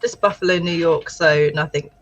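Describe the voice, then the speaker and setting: A British woman co-hosts a relaxed writing livestream, chatting, thinking aloud, and reading viewer comments with encouragement. Her voice sits on the low side at a moderate pace, and the audio sounds dull.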